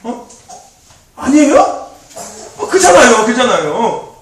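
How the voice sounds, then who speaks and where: A man youth pastor preaching a sermon in a church, animated and repetitive, laughing often as he talks. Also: very high-pitched, measured pace, slight background noise. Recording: very echoey, distant mic.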